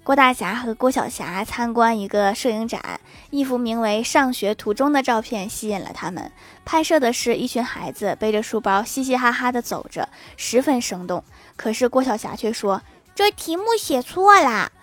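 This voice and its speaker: A woman's voice: on the high side, moderate pace, few pauses, soft background music. A woman hosting a joke show, reading funny anecdotes aloud in a playful way and chuckling at the punchlines.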